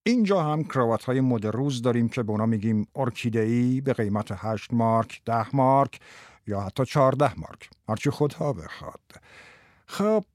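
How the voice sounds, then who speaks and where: A man voicing a brash older male tie salesman who lectures a shy boy on selling with quick, lively banter in an audiobook. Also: mid-range voice, dry recording, studio quality, lightly acted. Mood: coaching. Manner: lively, fast coaching banter. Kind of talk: audiobook character voice.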